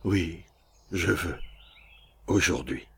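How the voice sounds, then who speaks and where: Guy doing cyrano, dying old poet swordsman, low gravelly husky voice, slow and solemn, stage play. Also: fairly bright tone, exaggerated voice. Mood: hushed. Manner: solemn, measured verse delivery. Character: dying aging male swordsman-poet, proud, secretly in love.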